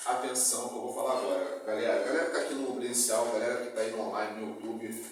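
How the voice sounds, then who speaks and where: A man's voice: mid-range voice, fairly even intonation, quick pace. A man with a Brazilian Portuguese accent teaching a class, often checking in with his students and repeating examples. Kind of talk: classroom lecture. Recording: very echoey room, distant mic, faint noise.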